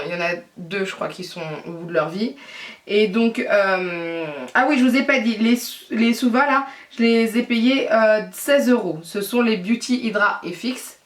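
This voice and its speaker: A woman chats about her beauty haul in a casual, gushing way, with many hesitations along the way. Her voice sits at an ordinary pitch. It carries a roomy echo and sounds a little distant from the mic. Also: normal speed. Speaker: beauty vlogger. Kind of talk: casual haul chat to camera.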